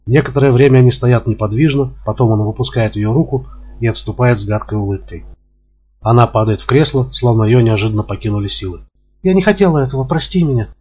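A man reading a crime novel aloud as scripted narration, steady and even, in a dull lo-fi recording. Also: lowish voice, fast talker, slightly rough. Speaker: audiobook reader.

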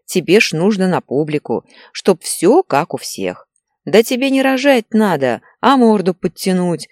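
A woman voicing an older aunt who speaks calmly, with blunt, scornful sarcasm. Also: on the low side, no room sound, clean studio sound.

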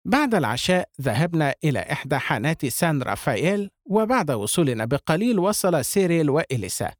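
A man reading a novel aloud as a narrator, with expressive delivery. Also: fairly high pitch, fast talker, dry recording, studio quality. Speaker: audiobook reader.

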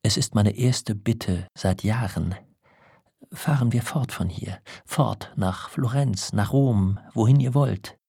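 An old husband played by a male reader stammers out his bitterness and pleas. The voice sits low and husky, with a slow, halting pace, and the recording is dry and close. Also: mellow, no room sound, heavily acted. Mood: pleading. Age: older. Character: agitated, humiliated old husband.

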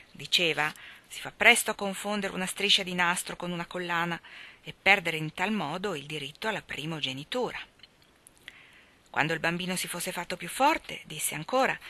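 A woman narrating a classic novel aloud in a measured, expressive storytelling manner. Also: fairly low pitch, vocal fry. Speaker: reader. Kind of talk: audiobook narration.

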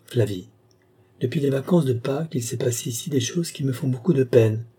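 A man's voice: mid-range voice, a little fast, warm tone, husky, pitched above the performer's own voice. A man reading as an earnest, lovesick boy. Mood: pleading.

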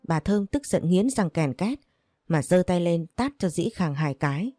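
A woman narrating an audiobook story in a steady, measured way. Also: lowish voice, no room sound, clean studio sound, soft background music.

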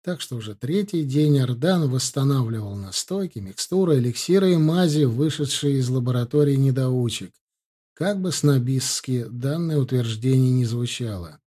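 Male narrator, mid pitch, mellow and slightly breathy, steady novel reading. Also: moderate pace. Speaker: audiobook narrator. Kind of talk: scripted narration.

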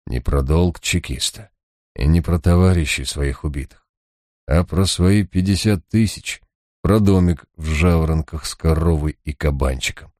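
A man voicing a grim senior detective who speaks quietly, slowly and bitterly. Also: rumbling low, dry recording, clean studio sound.

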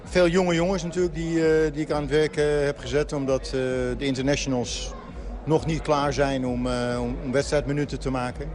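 Deliberate male coach with crowd behind. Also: medium pitch, flat delivery. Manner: deliberate, hesitant, many filler pauses. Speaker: football coach. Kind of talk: post-match interview. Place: outdoors at a football ground. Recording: outdoor interview with crowd behind.

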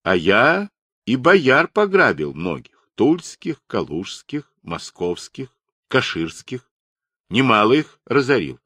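A man reading the part of a huge, proud runaway peasant who answers calmly and scornfully. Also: medium pitch, slow pace, no room sound, pitched above the performer's own voice, heavily acted. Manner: calm, scornful, blunt replies.

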